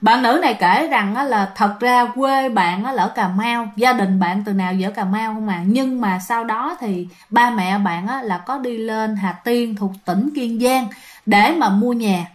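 A woman's voice: on the high side, unhurried. A woman, telling ghost stories in a chatty way and speaking straight to her listeners. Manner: chatty, addresses listeners directly, many fillers. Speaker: storyteller. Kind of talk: casual ghost-story telling.

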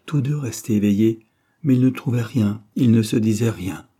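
A man reading a classic novel aloud as an audiobook, in a measured, expressive way. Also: on the low side. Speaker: audiobook narrator. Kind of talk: literary audiobook narration.

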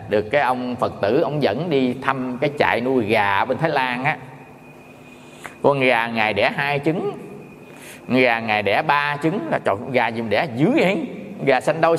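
A man's voice: on the high side, fairly bright tone, long reverb tail. A man giving a casual dharma talk as a Buddhist monk, chatty, repeating words and checking with listeners.

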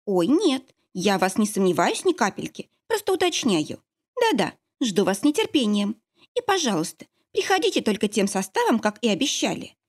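A woman reading an audiobook, voicing a heroine who fakes a squeaky, sugary young woman's voice and chatters sweetly. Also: big pitch swings, moderate pace. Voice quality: squeaky, syrupy. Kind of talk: audiobook character voice.

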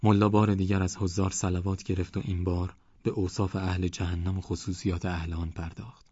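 A man narrating a novel as an audiobook in a steady storytelling manner. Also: low-pitched, slightly rough, no room sound, muffled recording.

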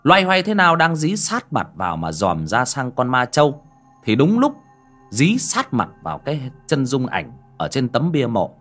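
Lively storyteller man. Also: medium pitch, moderate pace, faint music behind. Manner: vivid, expressive storytelling. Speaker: audiobook narrator. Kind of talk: dramatic horror story narration.

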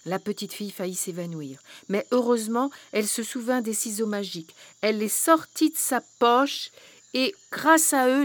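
A woman reading a children's fairy tale aloud in a lively, expressive way. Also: medium pitch, dry recording. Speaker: storyteller. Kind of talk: storybook reading.

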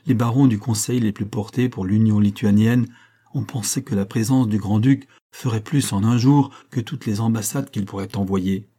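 A man's voice: fairly low pitch, fairly even intonation, normal speed, warm tone, husky. A man reading an audiobook who voices a devoted old counselor, speaking tenderly and urgently. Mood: earnest.

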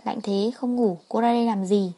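A woman's voice: mid-range voice, fairly even intonation, moderate pace, warm tone, natural voice. A woman voicing a cold, teasing rich man who speaks in curt, mocking lines.

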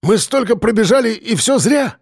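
Gruff village cop, barking orders, fed up, as a man plays him, lively. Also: very high-pitched, moderate pace, dry recording, studio quality, pitched above the performer's own voice, heavily acted. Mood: exasperated. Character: gruff village police officer, stern but jumpy.

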